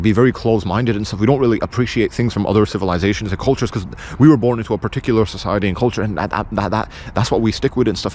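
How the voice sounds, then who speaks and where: Very fast-talking British man, bluntly insistent. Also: on the low side, a little mellow, a little hiss or hum. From England. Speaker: video presenter. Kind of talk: unscripted opinion monologue.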